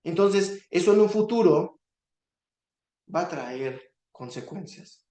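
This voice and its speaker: A man in his thirties giving a sermon on a Torah portion, earnest and pleading, often dropping to a soft voice for emphasis. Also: high-pitched, animated, slow, roomy sound. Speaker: Bible teacher.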